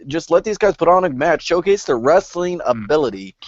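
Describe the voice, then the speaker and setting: A man's voice: fairly high pitch, very animated, a little fast, dry recording, lo-fi sound. Opinionated young man on a podcast. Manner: opinionated, teasing, trash-talking. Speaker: podcast co-host. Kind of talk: casual podcast banter.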